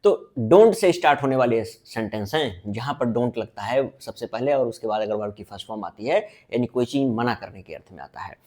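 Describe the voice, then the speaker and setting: Guy teaching english grammar at a board, asks a question then answers it himself, drags out the example lines slow, regular mid voice. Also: mid-range voice, lively intonation, darkish tone. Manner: drawn-out emphasis on example sentences. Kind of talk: blackboard grammar lesson.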